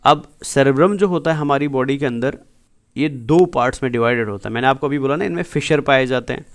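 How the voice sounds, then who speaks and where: Smooth-voiced man teaching biology. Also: mid-range voice, fairly quick. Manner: keeps asking and answering his own questions, calls students "beta"; mixes English terms and sentences into his Hindi. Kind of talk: exam-prep lecture over slides.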